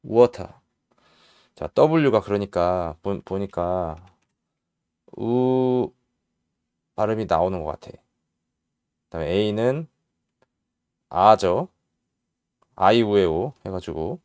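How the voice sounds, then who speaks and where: A man teaching English spelling in Korean, slowly spelling out letters and repeating each sound patiently. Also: low voice, expressive, darkish tone, clean tone, no room sound, studio quality. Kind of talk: casual spelling lesson.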